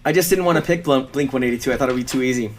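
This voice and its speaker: Playful man reading lyrics dramatically. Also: racing. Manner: playful, jokey, reads lyrics in a low dramatic voice. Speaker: podcast co-host. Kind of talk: casual game chat.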